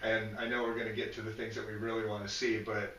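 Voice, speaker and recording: A man's voice: lowish voice, fast talker, roomy sound, far from the mic, a little hiss or hum, poor audio. A man co-hosting a casual fan discussion, talking with feeling, tripping over and repeating his words. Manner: animated, emotional, stumbles and repeats words. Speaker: podcast co-host.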